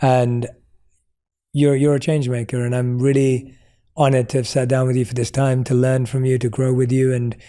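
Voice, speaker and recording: A man's voice: mid-range voice, flat delivery, normal speed, mellow. A man hosting a podcast interview, speaking earnestly and affirming his guest. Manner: earnest, affirming, rounds off with thanks. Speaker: podcast host. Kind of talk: casual interview conversation.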